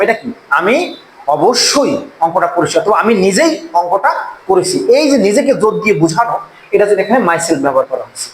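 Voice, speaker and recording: A man giving a classroom-style grammar lesson as an English teacher. He repeats key points and keeps asking the class questions. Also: high-pitched. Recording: echoey room with faint background noise.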